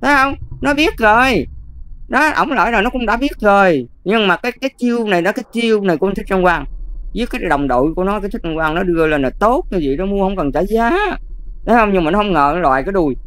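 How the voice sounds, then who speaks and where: An older Buddhist nun with a Southern Vietnamese accent, talking casually and emphatically, often checking whether the listener follows. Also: female voice, medium pitch, expressive, quick pace. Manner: emphatic, keeps checking "see?". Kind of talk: casual advice talk.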